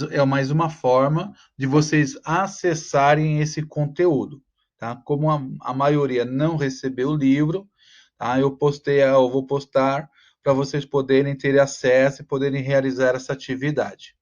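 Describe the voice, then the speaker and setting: A male teacher explains an assignment in a mid-pitched, patient voice, tagging nearly every phrase with a checking "tá?". He stretches words out slowly when pointing out rhymes. The recording is slightly dull and lo-fi. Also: fairly even intonation. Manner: frequent "tá?" check-ins, slows to spell out rhymes. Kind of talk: online class walkthrough.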